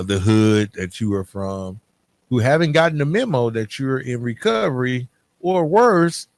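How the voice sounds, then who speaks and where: A lowish-voiced man hosts a solo podcast, speaking candidly and informally in a half-scripted, conversational style, tossing in "right?" to check in as he makes his points.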